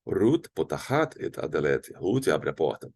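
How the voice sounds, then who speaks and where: A man with a Brazilian Portuguese accent teaching a recorded Hebrew lesson, patiently explaining and slowly sounding out words. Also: rumbling low, very animated, creaky, a little mellow, husky. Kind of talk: recorded online language lesson.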